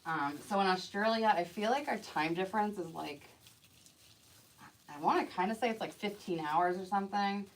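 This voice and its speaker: During a live stream, a woman designs a wreath while chatting casually, rambling, filling her speech with fillers, and talking to herself as she works. Her voice is medium-pitched at a moderate pace, and the rough recording has slight background noise.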